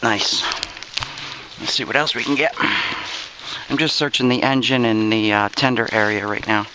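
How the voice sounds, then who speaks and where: A man with a mid-pitched voice talks casually to viewers while digging outdoors. His remarks are short and often repeated, like someone showing finds as they turn up. There is clear noise behind him. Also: steady tone, normal speed. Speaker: metal detecting vlogger. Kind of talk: casual outdoor vlog narration. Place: outdoors at a dig site.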